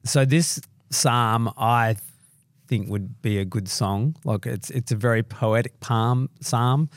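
A man co-hosting a podcast, chatting in a relaxed, agreeable way and reading out verses. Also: mid-range voice, takes it slowly, no room sound, clean studio sound. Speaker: podcast co-host. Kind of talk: casual Bible discussion.

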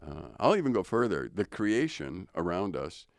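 Speaking with vocal fry in a very low register, an older co-host works through ideas about faith, thoughtful and unhurried but a bit preachy. It's a relaxed podcast recorded in a radio studio, the sound close-miked, dry and echo-free.

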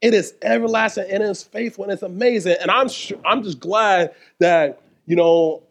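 In a high-sitting voice with vocal fry and a moderate pace, a male pastor delivers a sermon during a church service. He jokes around playfully and keeps calling out to the congregation.

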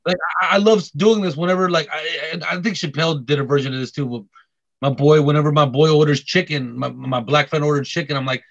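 A man chatting casually on a podcast, halting with many restarts and repeated words. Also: fairly high pitch, steady tone, gravelly, fairly bright tone. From Korean heritage. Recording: dull lo-fi audio.

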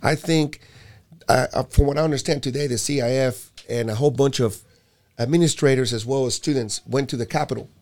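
A man from Puerto Rico talks casually and emphatically about youth sports. He presses his points hard and restarts phrases with repeated words, and his voice sits at an ordinary middle pitch. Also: a little fast, a little mellow. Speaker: youth basketball program director. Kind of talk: casual conversation.

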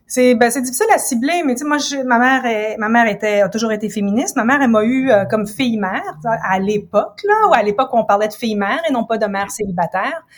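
A woman in her fifties from Ottawa, a university professor and writer, speaking as a guest in a casual interview in a reflective, measured, explanatory way. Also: a little high. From Ottawa, Canada. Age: 50s.

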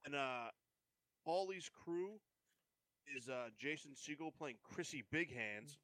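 A man's voice: on the high side, animated, slow, a bit bright. A man chatting casually with friends, rambling and hesitant with lots of fillers, amused. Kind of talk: casual chat.

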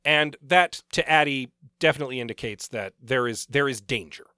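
Man, mid-pitched, scratchy and wheezy from a cold, casual podcast co-host, book recap chat. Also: a little fast, bright, forceful tone, clean tone, dry recording, studio quality. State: getting over a cold.

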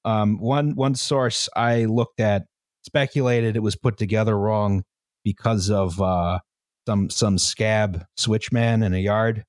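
Slow and fairly even in intonation, a man with a fairly low voice walks through history as the host of a laid-back podcast, recorded dry. He explains at length, fills gaps with lots of fillers, and tacks "right?" onto his lines.

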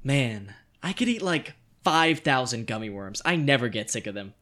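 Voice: mid-range voice, lively intonation, moderate pace, a bit bright, close to an everyday voice. A performer voicing Mikey, a tough, protective boy of about eleven, in a table read of a screenplay. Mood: dreamy.

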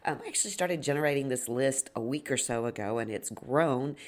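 A woman hosts a solo podcast, teaching dance informally and reflectively. Her very deep voice is gravelly, hoarse and a little sniffly after a long day of judging, yet her delivery is brisk with lively intonation.

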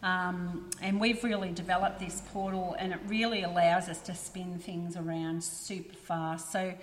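A woman with a slightly low voice chats easily on a podcast, filling her sentences with ums and you knows. Her voice hangs in a lingering reverb, as if the room is large and hard-walled. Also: level tone, a little slow, a little hiss or hum. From Australia. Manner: chatty, many fillers like um and you know. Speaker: guest, printing business representative. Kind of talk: casual podcast conversation.

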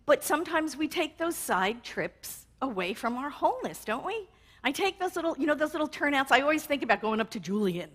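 A woman's voice: sits high, big pitch swings, a little fast. A woman minister delivering a sermon in a conversational way, laughing often and checking in with "right?" as she goes. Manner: warm, conversational, with frequent laughs and "right?" asides.

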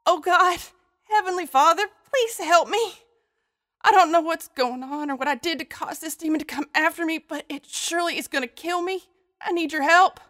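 A man voicing a frightened young woman schoolteacher in a high, pleading falsetto. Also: normal speed, pushed and bright, no echo, clean studio sound. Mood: praying.

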